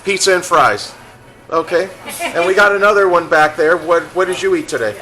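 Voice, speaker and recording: A chatty man hosting a casual restaurant meetup, asking guests questions and telling stories with a joke here and there. His voice is bright and a bit higher than most men's. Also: normal speed, faint music behind, poor audio. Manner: chatty, storytelling, joking. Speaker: meetup host.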